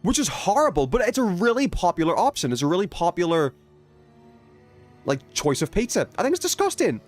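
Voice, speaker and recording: This British livestreamer has a high, very animated voice and moves at a brisk clip while gaming. Soft music plays behind his casual chatter to viewers, which is full of strong opinions, emphasis and swearing.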